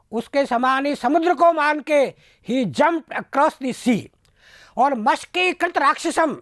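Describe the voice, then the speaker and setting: A man with a strikingly high voice teaches as a spiritual teacher in a devotional discourse. He speaks at an unhurried, measured pace and repeats words to drive each point home. The sound is dry and close. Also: a bit bright, dry recording. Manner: slow, deliberate, repeats words for emphasis. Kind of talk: devotional discourse with pronunciation lessons.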